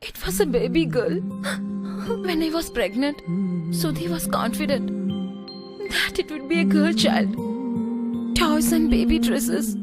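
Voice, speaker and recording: A woman's voice: sits high, sing-song, normal speed. A woman dubbing an affectionate, insistent young wife in a film, speaking with concern. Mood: grieving. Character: warm, bossy young wife, grieving mother. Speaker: wife of the boss. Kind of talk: dubbed film dialogue. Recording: film soundtrack with music behind.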